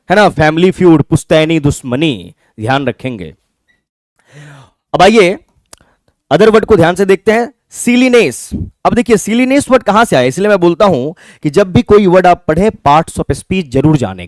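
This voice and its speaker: In a studio-quality recording with no room sound, a man with a high-leaning, darkish voice lectures on English exam material, working through it step by step and answering his own questions.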